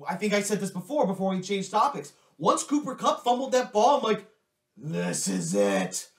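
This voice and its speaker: High-voiced man in an echoey room. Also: lively intonation, fairly quick. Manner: conversational, opinionated, hot takes. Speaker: podcast co-host. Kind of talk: casual sports chat. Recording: echoey room, distant from mic.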